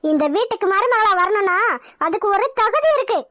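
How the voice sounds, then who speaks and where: A woman's voice: very high voice, a little fast, fairly bright tone. A woman voicing a proud, domineering middle-aged mother in a cartoon, ranting scornfully. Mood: haughty. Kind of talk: cartoon voice acting.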